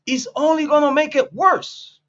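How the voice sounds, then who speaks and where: Blunt high-voiced Puerto Rican man. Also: fairly even intonation, normal speed, fairly bright tone, dull audio. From Puerto Rico. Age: 40s. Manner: blunt, profane, repeats phrases for emphasis. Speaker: commentary channel host. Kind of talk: casual street commentary monologue.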